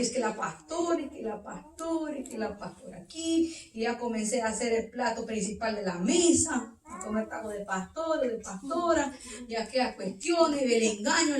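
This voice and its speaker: A woman pastor preaching a fervent sermon, at times crying out with tears in her voice. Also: on the high side. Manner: fervent, rising to tearful cries. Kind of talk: impassioned sermon. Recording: roomy hall, distant mic.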